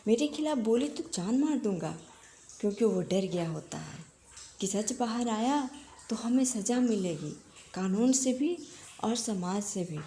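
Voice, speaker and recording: A woman's voice: medium pitch, animated, a little slow, a little hiss or hum. A woman voicing a grieving mother who speaks out fiercely against a crowd. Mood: tender. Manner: impassioned, shouting accusations.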